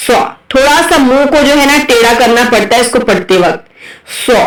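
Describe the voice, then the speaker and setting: Woman recitation teacher, patient, keeps checking "right?", stretches sounds slowly; echoey, off-mic. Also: on the high side, a bit bright. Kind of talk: Urdu tajweed lesson, explaining and modelling letter sounds. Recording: echoey room, voice from a distance.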